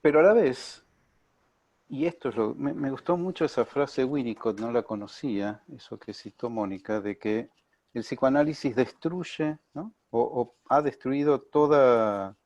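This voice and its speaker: A man's voice: mid-range voice, a little slow, darkish tone, no echo, highs cut off. A man with an Argentine Spanish accent giving an academic lecture over a video call, reflective and peppered with rhetorical asides. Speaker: panelist at an online lecture.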